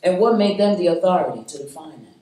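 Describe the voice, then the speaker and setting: A woman speaking to a live roundtable group, animated and preachy, laughing often and calling out to her audience. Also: on the low side, quick pace. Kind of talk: spirited talk to a live group. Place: meeting room with an audience. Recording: echoey room, voice from far off.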